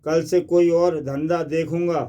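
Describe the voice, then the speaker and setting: Weary, grumbling street performer, read by a man, high, slow. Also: fairly even intonation, dark tone, dull audio, lightly acted. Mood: fed up. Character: male street impersonator, weary and fed up.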